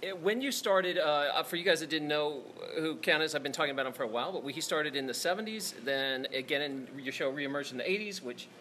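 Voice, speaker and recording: Bright, high-voiced man interviewing casually. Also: fast, hardly any pauses, a little hiss or hum. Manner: informal, chatty and jokey. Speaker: interviewer, live streamer and fan. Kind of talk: casual live-stream interview. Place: live event venue.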